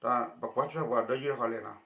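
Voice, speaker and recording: A man delivers a news report in a bright, forceful voice with a steady pace. The sound is muffled and lo-fi, and it carries a noticeable room echo. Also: mid-range voice, quick pace, gravelly. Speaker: news presenter. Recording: echoey dull lo-fi recording.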